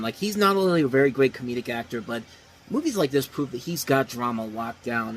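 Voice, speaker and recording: Here a male film reviewer in his thirties chats off the cuff in a mid-range voice, rambling, restarting often, and reusing phrases. A faint hiss runs under the rough audio.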